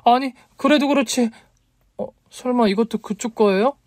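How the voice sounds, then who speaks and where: Brief: man voicing a prickly young woman, raised pitch, dry close sound. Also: animated, unhurried, a little mellow, no echo. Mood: indignant. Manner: indignant, exasperated questions. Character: flustered young woman, quick to snap. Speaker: story reader.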